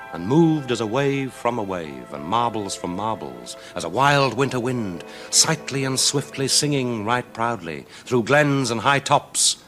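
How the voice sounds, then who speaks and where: Telling a children's folk tale as a storyteller, this man goes theatrical, declamatory and rhythmic. His voice is mid-range and a bit bright.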